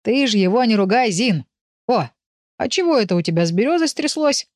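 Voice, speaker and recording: A woman's voice: on the high side, very animated, brisk, no echo, clean studio sound, voice pushed up. A woman reading an audiobook, voicing a good-natured, folksy village man who is a curious neighbour. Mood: jovial. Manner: jovial, folksy. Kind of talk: audiobook character voice.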